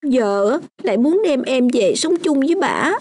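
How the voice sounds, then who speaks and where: A woman's voice: high voice, lively intonation, moderate pace, darkish tone. A woman voicing a young orphan girl in a radio drama, stubborn and hurt, with a sulky insistence.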